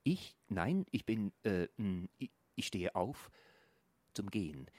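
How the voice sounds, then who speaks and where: A man reading a surreal story aloud, swinging from a hushed murmur to a raised, urgent voice and often stumbling over his words. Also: on the low side, sing-song, slow, no room sound. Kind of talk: literary reading.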